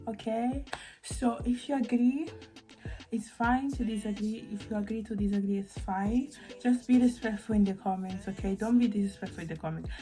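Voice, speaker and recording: A woman's voice: medium pitch, moderate pace, mellow, soft background music, low-quality recording. A young woman from Italy in a casual opinion vlog, chatty and rambling with many restarts. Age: young adult. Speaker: vlogger. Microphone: phone mic.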